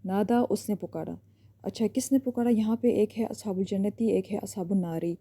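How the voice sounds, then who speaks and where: In a recorded lesson, a woman teaches with a very dark, mellow, slightly rough voice at medium pitch. She explains everything step by step and keeps pausing for a brief "ठीक है" check before continuing.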